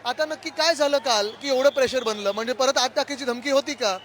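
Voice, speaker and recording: A man's voice: very high-pitched, a little fast, fairly bright tone, slight background noise. A man, an opposition politician speaking sarcastically and combatively to reporters on a street.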